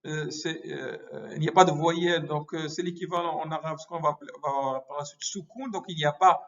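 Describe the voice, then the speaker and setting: High-voiced man lecturing haltingly. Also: steady tone. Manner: halting, many hesitations and self-corrections. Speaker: medical lecturer. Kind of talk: explanatory lecture. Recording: muffled lo-fi recording.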